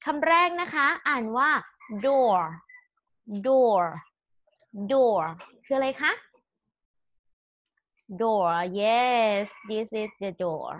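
A woman English teacher with a Thai accent, whose first language is Thai, giving a slow classroom lesson to children. She repeats each word clearly so they can copy it and switches between English and Thai. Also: on the high side, lively intonation, dry recording, lo-fi sound.

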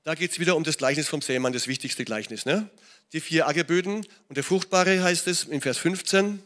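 A middle-aged German man preaches in a church, pitched a little high for a man. His delivery is animated, and he checks in with his listeners again and again. The sermon has a lively, conversational pull. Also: a little fast. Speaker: pastor. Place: church hall.

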